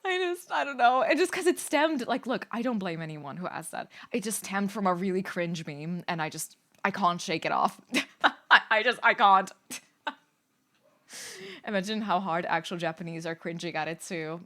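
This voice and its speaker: A woman's voice: mid-range voice, lively intonation, normal speed, pushed and bright. A woman VTuber streamer chatting casually on a live stream, rambling, swearing and breaking into laughter often.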